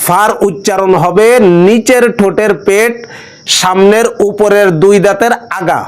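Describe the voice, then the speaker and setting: A male Quran teacher leading a call-and-response pronunciation lesson, stretching each sound slowly for a class to repeat. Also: high-pitched, fairly even intonation, clear, resonant tone.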